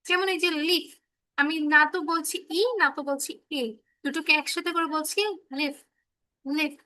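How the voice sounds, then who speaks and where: A woman's voice: extremely high pitch, fairly even intonation, normal speed, pushed and bright. A woman teaching English phonics to children in an online class, patiently checking that each pupil understands. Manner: addresses the children affectionately as "baba". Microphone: laptop microphone on a video call.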